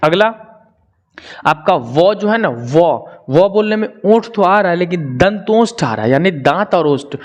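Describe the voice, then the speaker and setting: Young man, a teacher with a slightly high voice, drilling sounds one by one. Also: lively intonation. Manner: drills sounds slowly, repeating syllables; asks viewers to comment and answer. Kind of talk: Hindi grammar lesson.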